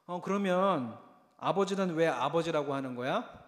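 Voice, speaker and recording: A man voicing a curious little boy who keeps questioning his father, in an eager, higher voice. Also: animated, moderate pace, lightly acted. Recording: echoey church hall reverb.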